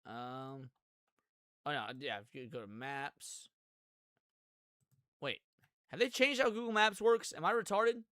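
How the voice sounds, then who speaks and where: A streamer reacting to a video series gives casual live commentary to viewers, thinking aloud informally. His slightly high voice is slow with long pauses, sharp yet resonant, recorded in clean, clear studio sound with no echo.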